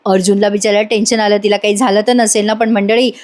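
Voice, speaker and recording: A woman's voice: medium pitch, level tone, fast talker, darkish tone. A woman with a Marathi accent recapping a TV serial episode in a chatty voice-over, addressing viewers directly and acting out the characters' lines. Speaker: TV serial reviewer.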